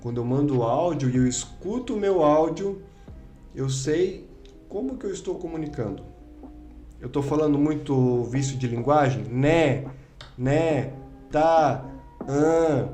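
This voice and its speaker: A man's voice: fairly high pitch, expressive, normal speed, warm tone, echoey room, soft background music. Man coaching public speaking. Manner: didactic, acts out students' complaints. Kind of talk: instructive podcast talk. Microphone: studio microphone.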